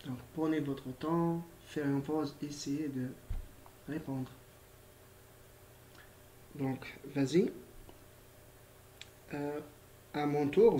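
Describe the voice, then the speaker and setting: A man's voice: a little high, warm tone. Male teacher, recorded primary school lesson, patient and repetitive, spells out letters, hesitant fillers, echoey room. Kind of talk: recorded grammar lesson for pupils.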